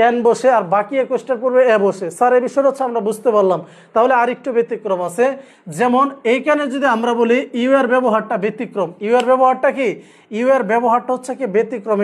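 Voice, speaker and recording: A man with a Bangladeshi accent teaching a live online English grammar class, asking questions and answering them himself, again and again. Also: extremely high pitch. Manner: repetitive call-and-response questioning; keeps urging students to focus.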